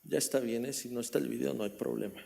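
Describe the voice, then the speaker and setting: A man's voice: mid-range voice, fairly even intonation, quick pace, vocal fry, warm tone. A man with a Mexican Spanish accent preaching a sermon as pastor, telling a story and asking the congregation questions. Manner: storytelling, repeats phrases, asks the congregation questions. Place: church hall.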